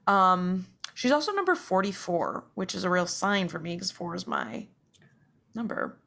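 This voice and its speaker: Bubbly, lively-voiced woman on a video call. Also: mid-range voice, moderate pace, vocal fry. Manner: bubbly and giggly, says she is on a roll. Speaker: podcast co-host. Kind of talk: casual chat over a video call.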